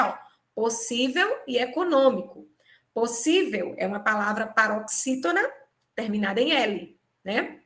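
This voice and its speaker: Bright-voiced Brazilian woman teaching grammar. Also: on the high side. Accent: Brazilian Portuguese. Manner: explanatory, frequent tag questions. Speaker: Portuguese teacher. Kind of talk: live online exam-prep class. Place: home or office, live video conference. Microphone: computer microphone on video call.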